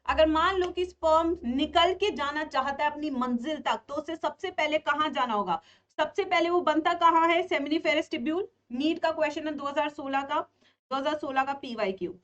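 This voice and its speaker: A woman with a high voice teaching an exam revision lesson. She keeps firing questions at her students and answering them herself, slipping in playful jokes. The sound is a little dull and lo-fi. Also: moderate pace, a bit bright. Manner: playful, mixes in filmi jokes. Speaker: biology teacher.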